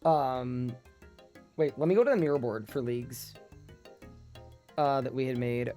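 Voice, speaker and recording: A man's voice: medium pitch, a little slow, warm tone, soft background music. A sleep-deprived man streaming a game live, chatting casually and reading his chat aloud.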